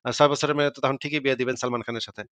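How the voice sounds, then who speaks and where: A man's voice: mid-range voice, steady tone, rapid-fire, fairly bright tone, smooth, no echo. A man hosting a heated live online debate, arguing his case and retelling arguments with rising emphasis. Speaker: debate host.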